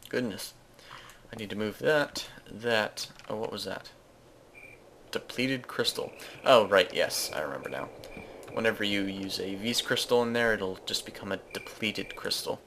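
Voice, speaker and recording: A man's voice: fairly low pitch, measured pace, gravelly, a bit bright, slight background noise. A man giving casual, rambling commentary as he plays a game, often correcting himself mid-sentence. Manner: rambling, self-correcting, chatty asides. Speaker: Let's Play host.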